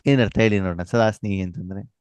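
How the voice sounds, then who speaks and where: A man with a low, mellow voice leads a spiritual class, often pausing on a question so listeners can complete it. He slips Hindi phrases into his talk. The sound is dry and a little dull, like a lo-fi recording. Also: clear, resonant tone, no echo. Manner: asks questions for the audience to complete. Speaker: spiritual teacher.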